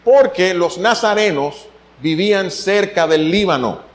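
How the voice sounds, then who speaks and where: A middle-aged Dominican pastor with a Dominican accent preaches a sermon in a high-sitting voice at a measured pace. His delivery is animated, the voice swinging upward whenever he stresses a point.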